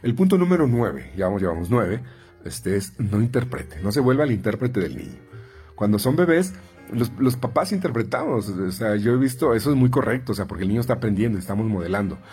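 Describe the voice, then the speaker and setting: Faint music plays behind a man with a Mexican Spanish accent, a speech therapist giving parents numbered tips in a conversational way. He often uses fillers, repeats himself, and restarts, voicing quoted parents and kids higher. His darkish voice swings widely in pitch at a fairly quick pace.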